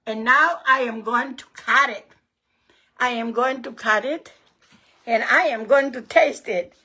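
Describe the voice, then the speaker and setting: A woman's voice: high-pitched, bright, forceful tone. A woman with a Greek accent leading a hands-on recipe demonstration as a cooking host, encouraging and emphatic, often repeating her phrases.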